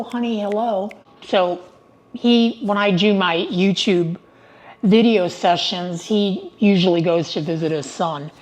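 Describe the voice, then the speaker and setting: A retired older woman vlogs casually from her home, chatting to her viewers in an upbeat way and often wandering off on tangents. Her voice sits on the low side and sounds a little mellow.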